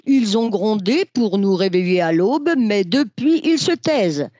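An anxious, loyal officer pleading for caution, as a storyteller voices him, in slow and careful words. The recording is dry and close. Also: mid-range voice, animated, warm tone, dry recording, voice pushed up. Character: anxious loyal male chief of staff.

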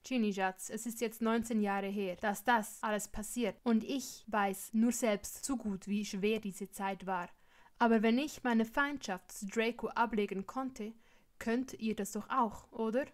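A woman reading a story aloud, giving a calm, reasonable man's lines in her own voice. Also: fairly high pitch, unhurried, lightly acted. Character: grown man, calm and reasonable.

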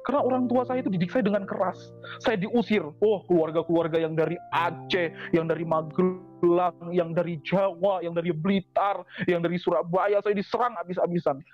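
A man's voice: high-pitched, steady tone, normal speed. A man giving a personal testimony to a congregation, speaking earnestly and repeating his phrases for emphasis. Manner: repetitive, earnest, heartfelt phrasing. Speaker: convert giving a church testimony. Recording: dull lo-fi recording with faint music.

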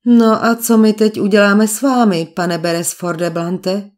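A woman's voice: medium pitch, steady tone, a little mellow, close to an everyday voice. A woman voicing a suave male villain posing as a duke, speaking with polite, mocking menace in an audiobook. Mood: cool, taunting. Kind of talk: audiobook character voice.

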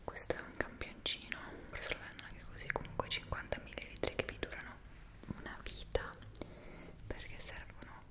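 In a small room indoors, a twenty-something woman leans in toward two close side microphones in front of her and whispers an easygoing ASMR chat. The topic is her personal routine, and her barely audible voice pauses now and then as she searches for words.

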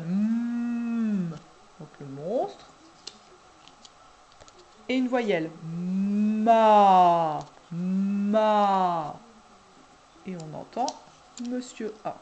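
A woman preschool teacher guiding parents through a syllable dictation, speaking slowly and deliberately and drawing out each syllable. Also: mid-range voice, darkish tone, muffled recording, slight background noise. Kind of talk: instructional video for parents.

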